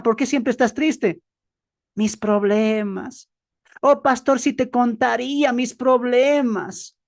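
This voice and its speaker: Man preaching with acted-out dialogue. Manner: dramatic, acts out dialogues with shifts in pitch and pace; asks the audience rhetorical questions. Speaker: preacher teaching a Bible class. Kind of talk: sermon. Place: church hall, also streamed on a video call.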